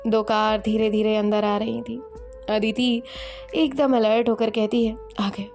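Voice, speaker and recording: Woman storyteller, somewhat high voice, faint music underneath, reads all roles herself. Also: little pitch movement, unhurried, a little mellow. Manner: voices all characters in the same lightly acted tone. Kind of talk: scripted story narration.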